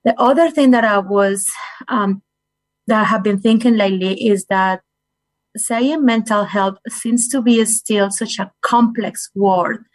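A woman's voice: mid-range voice, a little slow, no echo, rough recording. A woman in her forties from Colombia, speaking English with a Colombian Spanish accent, giving an earnest personal talk straight to listeners. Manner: earnest, direct address to listeners, non-native phrasing. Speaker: guest speaker. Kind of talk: personal talk on well-being.

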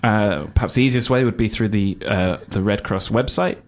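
On a radio interview, a UK-born Red Cross volunteer coordinator with a low-ish voice describes volunteering. His British accent shows New Zealand touches, and his upbeat, enthusiastic talk is broken by many fillers, pauses and restarts.

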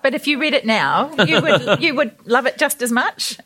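A woman's voice: high-pitched, sing-song, normal speed, fairly bright tone. Curious New Zealand woman hosting a panel. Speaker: festival panel host. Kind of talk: casual panel conversation.

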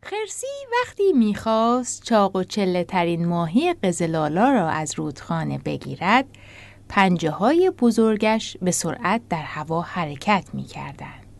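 A woman narrating a children's storybook in a gentle, expressive way. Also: fairly low pitch, gravelly, no echo.

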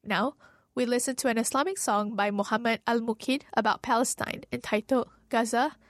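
A woman's voice: a little high, steady tone, a little fast, no echo. A woman radio host reading a prepared statement aloud in a firm, emphatic way, in a studio.

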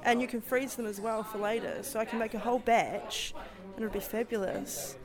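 A woman's voice: a little high, fairly even intonation, moderate pace, a crowd in the background. A woman at a workshop chatting in an upbeat, enthusiastic way. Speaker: workshop participant. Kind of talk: casual chat.

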